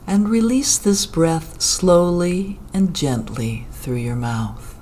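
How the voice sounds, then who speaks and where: A calm meditation guide talks at a very unhurried pace, stretching out each phrase and leaving long pauses between lines. The voice sits at an ordinary middle pitch. A steady wash of ambient sound is clearly heard behind it. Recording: clear ambient background noise.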